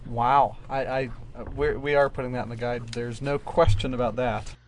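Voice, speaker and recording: A man's voice: mid-range voice, fairly even intonation, moderate pace, a little hiss or hum. A man co-hosting a casual question-and-answer chat, chiming in with dry quips. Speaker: co-host. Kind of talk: casual podcast Q&A.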